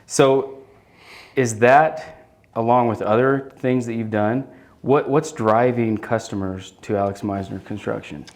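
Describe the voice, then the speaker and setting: A man's voice: medium pitch, unhurried. A man hosting an on-stage interview, asking questions in a conversational way and checking in with "right?". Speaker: interviewer, host.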